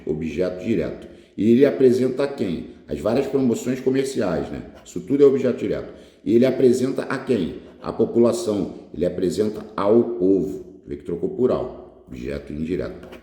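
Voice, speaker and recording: A man's voice: on the low side, warm tone. A man from Brazil, an exam prep teacher going through test answers in an informal way, drawing words out and checking in with short questions. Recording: echoey room, long reverb.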